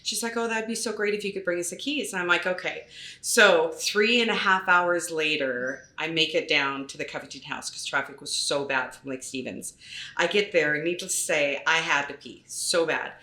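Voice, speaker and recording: Bright-voiced woman telling a story. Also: deep voice, moderate pace. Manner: animated, acts out her own quotes. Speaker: real estate agent. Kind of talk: storytelling in a panel chat. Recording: roomy echo.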